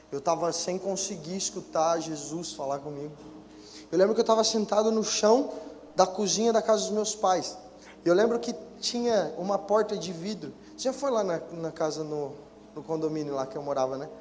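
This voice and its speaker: A young man with a Brazilian Portuguese accent, a pastor preaching a sermon who moves from loud exhortation to quiet, personal storytelling. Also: sits high, slight background noise. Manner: preaches loudly at first, then tells a story in a quiet, intimate voice. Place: church hall. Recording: church hall reverb, music behind. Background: soft music.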